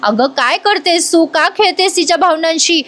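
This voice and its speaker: A woman's voice: very high voice, moderate pace, a bit bright, voice pushed up. A woman voicing an upset grown daughter who pleads in exasperation. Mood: exasperated.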